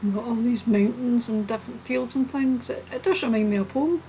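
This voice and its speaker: A woman hosting a flight video with casual, chatty, relaxed running commentary. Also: a little high, fairly quick. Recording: steady background noise behind the voice.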